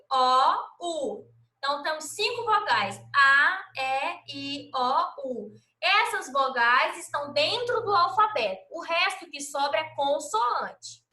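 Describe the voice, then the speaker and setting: A woman teacher from Brazil giving a recorded lesson to young children, patient and sing-song, spelling out letters and syllables slowly. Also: sits high, pushed and bright, reverberant. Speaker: primary school teacher.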